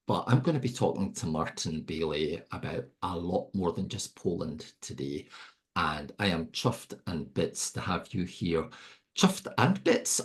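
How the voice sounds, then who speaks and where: A man's voice: low voice, slightly rough. A middle-aged man hosting an interview podcast, chatty and jokey, poking fun at himself. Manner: chatty, jokey, self-mocking. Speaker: podcast host. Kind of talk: casual interview.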